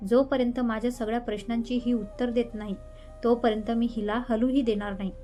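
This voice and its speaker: A woman's voice: fairly high pitch, fairly even intonation, fairly quick, faint music behind, close to an everyday voice. Woman voicing a furious, vengeful young man. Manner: shouting accusations, bitter. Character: furious vengeful young man confronting his former love.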